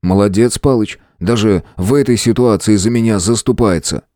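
A man narrating a first-person audiobook in an expressive, dramatic way. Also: on the low side, moderate pace, dry recording, clean studio sound. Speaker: audiobook reader.

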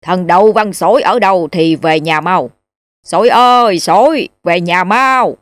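A woman's voice: lowish voice, expressive, fairly quick, dry recording. A woman voicing a bossy old male village sorcerer who barks orders and scolds. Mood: gruff commanding.

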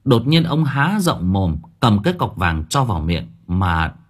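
A man narrates a story with a husky, slightly rough voice. His pitch swings widely as he tells it, and his delivery is expressive and lively. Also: measured pace. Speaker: audiobook narrator.

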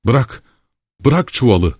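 Guy doing a panicky young village woman, high strained shouts, audiobook. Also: sing-song, takes it slowly, slightly rough, no echo, studio quality, full character voice. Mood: crying out.

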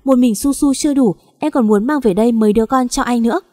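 A woman's voice: fairly high pitch, quick pace, warm tone, no room sound, clean studio sound, close to an everyday voice. A woman reading the lines of a betrayed husband in his thirties who speaks with cold, restrained anger in an audio story. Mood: bitter.

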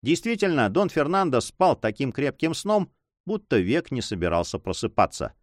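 Man, audiobook narration, lively varied pitch, dry close sound. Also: moderate pace, no room sound. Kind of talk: scripted narration.

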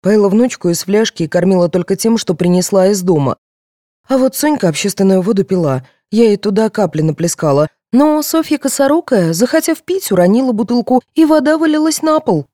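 A woman's voice: medium pitch, expressive, brisk, mellow, no room sound, studio quality. A woman reading a detective novel aloud as narrator, lifting her voice to act out each character. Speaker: audiobook narrator.

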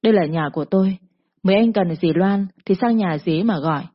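Woman reading a spirited young heroine, indignant, husky, lo-fi storybook audio. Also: mid-range voice, brisk, natural voice. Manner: indignant, sharp retorts. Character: proud young woman defending her home. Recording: dull lo-fi recording.

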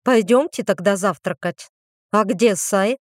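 A woman voicing a spirited young female mage student, lively and a little whiny. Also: mid-range voice, measured pace, dry recording, clean studio sound, natural voice. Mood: bright.

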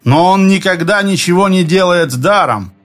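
A man's voice: high voice, normal speed, soft background music, pitched above the performer's own voice, lightly acted. A man voicing a boy who plays a gallant noble warrior, commanding and mock-grand, in an audiobook reading. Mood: boastful.

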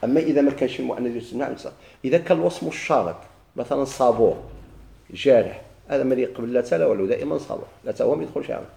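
Fast-talking Moroccan man teaching grammar. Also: medium pitch, vocal fry, warm tone, reverberant. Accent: Moroccan Arabic. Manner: questions himself and answers, repeating examples. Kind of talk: classroom grammar lesson.

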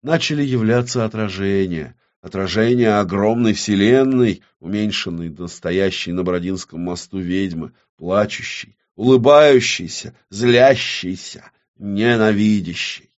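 A man reading an audiobook aloud in a grave, measured way. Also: lowish voice, highs cut off. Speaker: audiobook narrator. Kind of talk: dramatic audiobook narration.

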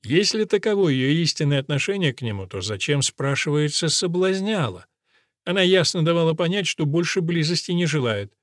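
A man reading an audiobook in a steady, even storytelling manner. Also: on the high side, no echo, studio quality. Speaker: audiobook narrator. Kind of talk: scripted audiobook narration.

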